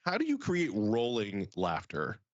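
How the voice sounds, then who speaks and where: A man's voice: fairly low pitch, huge pitch swings, measured pace, no echo, dull audio. A man hosting a casual podcast, restarting and stumbling as he asks his questions. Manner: stumbling restarts when asking. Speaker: podcast host.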